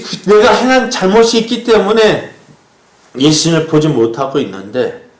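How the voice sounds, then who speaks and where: A male pastor preaching a sermon, asking the congregation questions and slowing down to act out quoted lines. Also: a little high, roomy sound. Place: church sanctuary.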